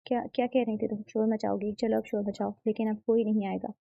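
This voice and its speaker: A woman reading the part of a smug, arrogant young groom who teases his bride, her voice gravelly, dry and a little muffled. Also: on the high side, fairly even intonation, brisk, no room sound. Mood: teasing. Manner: smug, mocking, teasing. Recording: slightly muffled lo-fi.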